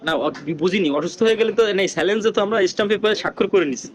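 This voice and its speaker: Hushed village vlogger man, slightly high. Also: racing, slight background noise. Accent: Bangladeshi rural Bengali. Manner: talks low and hushed to viewers. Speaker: vlogger host. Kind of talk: casual vlog commentary. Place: village house outdoors.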